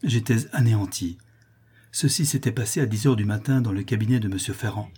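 A man narrating an audiobook in a measured, dramatic storytelling manner. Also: lowish voice, dark tone, slightly rough.

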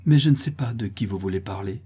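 A man's voice: fairly low pitch, fast talker, mellow, breathy edge. A man voicing a shamed young woman who answers faintly and subdued, in a storybook reading.

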